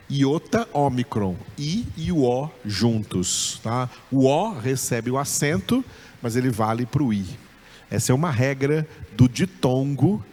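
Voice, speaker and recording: A man's voice: medium pitch, a little mellow. A man with a Brazilian Portuguese accent teaching a recorded Bible school lesson, patiently repeating each point and checking in with his students. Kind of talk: recorded lesson on Koine Greek.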